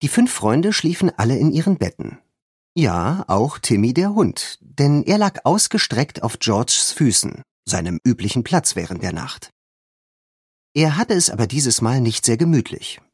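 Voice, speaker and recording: A male narrator reads a children's adventure audiobook in an unhurried, animated way. His voice has a husky grain and moves lively through its range. The recording is close and dry, with no room sound. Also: mid-range voice, dry recording. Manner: calm, expressive storytelling.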